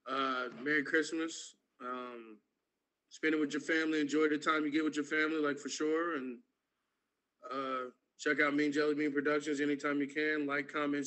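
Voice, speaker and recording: A man's voice: a little high, bright, forceful tone, low-quality recording. A man co-hosting a casual podcast, talking in an easygoing, laid-back way. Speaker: podcast co-host.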